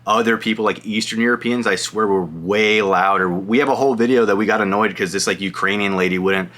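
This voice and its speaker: A young American man co-hosting a reaction video, chatting and explaining in a relaxed way. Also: lowish voice, quick pace. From United States. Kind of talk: casual reaction chat.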